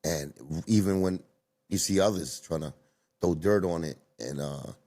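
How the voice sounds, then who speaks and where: A man's voice: sits low, unhurried, dark tone. A man from Cuba hosting a podcast, telling stories in casual street slang with emphatic delivery. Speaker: podcast host. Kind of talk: casual chat.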